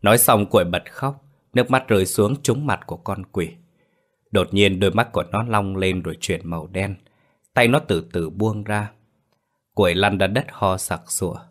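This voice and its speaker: Low-voiced male horror storyteller. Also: moderate pace.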